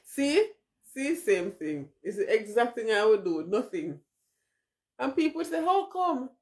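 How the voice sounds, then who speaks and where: This livestream host is a Jamaican-accented woman in her forties whose mid-range voice is very animated yet measured in pace and a little mellow. Speaking with open emotion, she responds to chat viewers and drifts into patois.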